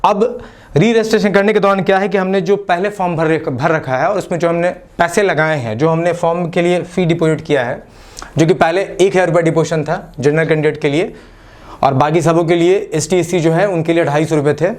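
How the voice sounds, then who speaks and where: A man's voice: fairly high pitch, brisk. A man with a Jharkhand Hindi accent giving exam-prep advice. He talks in a casual, motivational way and mixes Hindi with English phrases. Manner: casual, repeats "ठीक है" as a filler. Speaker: exam coaching channel host. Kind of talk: exam-prep talk to the camera.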